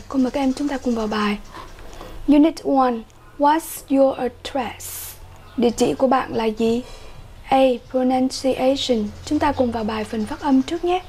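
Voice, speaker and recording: A woman teaching a workbook lesson to children online, repeating English words slowly and carefully, with a Vietnamese accent. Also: high voice, dark tone.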